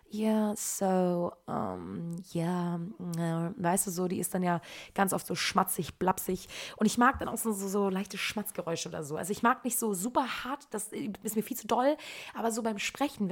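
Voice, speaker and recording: Young woman podcaster, chatty slangy delivery, middle pitch. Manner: chatty, slangy and animated, drifts into soft voice. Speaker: podcast host. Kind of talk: casual chat.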